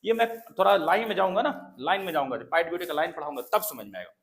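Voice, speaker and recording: A man teaching an exam-prep literature lesson, repeating key points and often asking if it is clear. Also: on the high side, fast talker, fairly bright tone. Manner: repetitive, checks understanding often. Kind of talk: classroom lecture.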